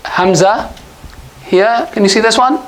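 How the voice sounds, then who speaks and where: A man's voice: high-pitched, a little slow, a bit bright, slight background noise, poor audio. A man teaching an Arabic grammar class at a mosque, patient and repetitive, often quizzing his students. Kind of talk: classroom lesson.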